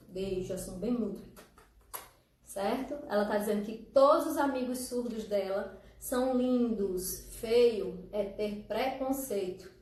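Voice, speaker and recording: A woman's voice: a little high, mellow. A woman hosting a casual live stream as a teacher. She is chatty, laughs often and talks straight to her viewers. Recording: echoey room, far from the mic.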